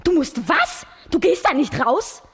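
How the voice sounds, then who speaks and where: A young reader voicing a panicked mother in her nightgown, with a shrill, breathless voice. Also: sing-song, moderate pace, in a large hall. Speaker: young reader in a reading contest.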